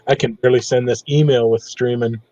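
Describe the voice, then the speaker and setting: A man's voice: medium pitch, fairly even intonation, brisk, warm tone, dry recording, dull audio. A man who is a regular of the stream, chatting in an easygoing, folksy way over a call. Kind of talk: casual chat.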